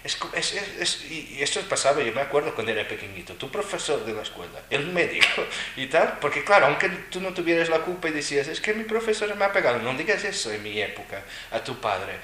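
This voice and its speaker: Animated male Buddhist teacher, bright voice. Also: on the high side, brisk, a little hiss or hum. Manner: animated storyteller who keeps checking in with listeners. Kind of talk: dharma talk. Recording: roomy echo.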